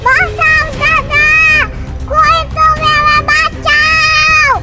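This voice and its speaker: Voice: very high voice, level tone, slow, over a noisy crowd. A performer playing a frightened little village child with a small, thin voice, pleading and crying out. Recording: distant outdoor recording under loud music.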